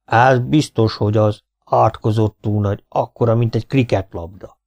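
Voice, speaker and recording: A man voicing a glum, stubborn old villager who mumbles slowly in a low, raspy voice. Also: fairly even intonation, darkish tone, lightly acted.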